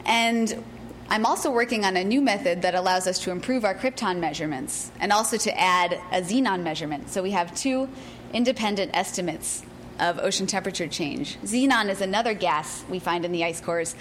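A woman's voice: fairly low pitch, a little fast, slight background noise. A woman researcher giving a scientific presentation to an audience. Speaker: researcher presenting her work.

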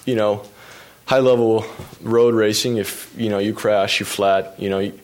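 In an easygoing slide presentation, a young American pro cyclist shares tales of his races. His voice is a touch low, pauses get filled with ums and uhs, and he often laughs at his own misfortunes.

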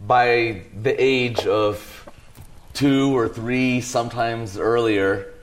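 A man speaking on a panel as an English professor, deliberate, often repeating words as he searches for the right phrasing. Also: mid-range voice. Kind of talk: panel discussion talk.

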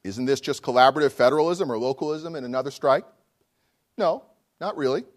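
Guy doing a scholarly law lecture, reading it out, very formal and erudite, careful deliberate phrasing. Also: medium pitch. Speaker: law professor giving a lecture. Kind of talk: formal academic lecture, read from a prepared text.

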